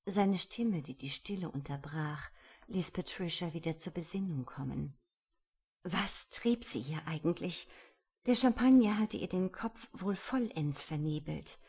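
A woman narrating an erotic romance novel in a breathy, intimate reading. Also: on the low side, unhurried, a little mellow. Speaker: audiobook narrator.

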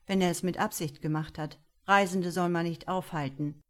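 A woman reading as a gruff cynical male cop. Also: on the low side, steady tone, moderate pace, natural voice. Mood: grumbling. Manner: gruff, sarcastic. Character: grumpy cynical male police detective.

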